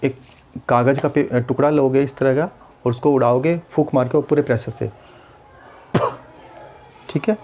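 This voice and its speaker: A man, a speech therapist calmly explaining exercises step by step. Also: medium pitch, normal speed, pauses often, a little hiss or hum. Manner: patient, step-by-step, demonstrates sounds. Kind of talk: instructional demonstration.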